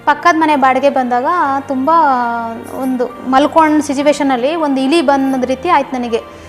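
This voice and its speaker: A woman's voice: sits high, fairly even intonation, faint music behind. A young woman giving a personal testimony in an interview, telling her story earnestly and repeating herself for emphasis. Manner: fast, earnest storytelling with repetitions.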